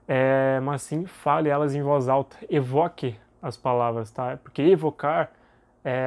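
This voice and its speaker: A young man, giving a casual video lesson in a relaxed, chatty way full of fillers and tag questions. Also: fairly high pitch. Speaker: English teacher.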